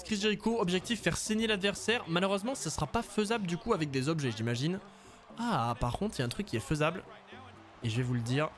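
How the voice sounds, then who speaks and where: A man giving casual, joking gameplay commentary, animated and quick to swear, with faint game music behind him. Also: fairly high pitch. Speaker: let's play host.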